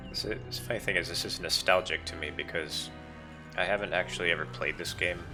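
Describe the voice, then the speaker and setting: A man's voice: low voice, fairly even intonation, a little fast, music in the background. A man giving casual, wry gameplay commentary as he plays. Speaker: gamer commenting on a game.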